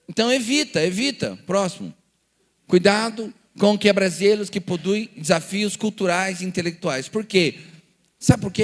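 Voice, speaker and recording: In a big-room acoustic, a pastor with a high-pitched voice and a Brazilian Portuguese accent teaches a lively church seminar. He tells stories and acts out dialogues, peppering them with rhetorical questions.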